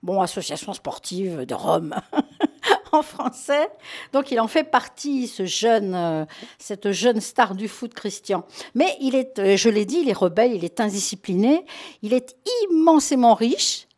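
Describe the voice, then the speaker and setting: A woman's voice: mid-range voice, animated, a little slow, a little mellow. A woman talking casually on a radio show about a film, chatty with many fillers and laughs.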